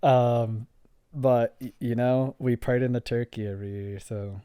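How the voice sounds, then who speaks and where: A man's voice: mid-range voice, flat delivery, measured pace, mellow, clear, resonant tone, dry recording, studio quality. A man hosting a casual podcast chat, laughing often and checking for agreement with "okay?". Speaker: podcast host.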